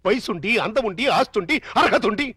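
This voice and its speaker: A man's voice: high-pitched, animated, brisk, sharp tone, breathy edge, heavily acted. An actor playing an older grandfather earnestly pleading with his son-in-law to remarry. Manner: earnest, lamenting.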